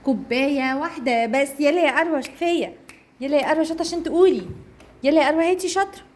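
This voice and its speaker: Egyptian woman, very high voice, children's teacher, encouraging praise, drawn-out repeated words, faint background noise. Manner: slow drawn-out repetition of target words. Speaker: speech therapist teaching young children. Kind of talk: interactive children's lesson. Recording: noisy room recording.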